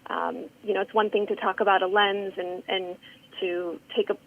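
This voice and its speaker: A woman's voice: mid-range voice, level tone, normal speed. A woman calling in by phone to a council meeting, speaking earnestly with many ums and restarts. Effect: phone call. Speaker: public comment caller. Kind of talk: public comment. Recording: tinny phone line.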